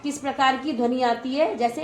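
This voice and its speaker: A woman's voice: high voice, steady tone, normal speed, darkish tone. A woman teacher giving a classroom lesson, patiently prompting her students with questions and praising their answers. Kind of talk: classroom lesson on Hindi vowel signs. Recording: echoey room with faint noise.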